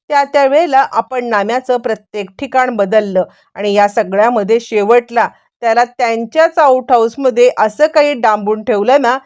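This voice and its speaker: Gloating, scheming villain man in a serial recap, mocking tone, higher-pitched read, put on by a woman narrator. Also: a little mellow, lightly acted. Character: boastful scheming male villain, middle-aged.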